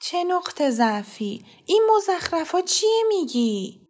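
A woman's voice: high-pitched, very animated, pitched above the performer's own voice. A woman voicing a mother who defends her son against her husband, pleading and indignant. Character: protective mother, pleading and defiant.

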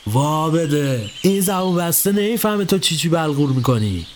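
A man voicing a gruff, bossy master snake catcher who scolds in crude old-fashioned slang. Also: fairly high pitch, lively intonation, a little hiss or hum, natural voice. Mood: scolding.

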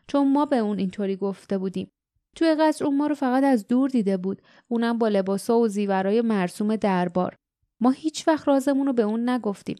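A woman voicing a calm queen mother in an audiobook, explaining things quickly. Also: high voice, dry recording, studio quality, voice pushed up, lightly acted.

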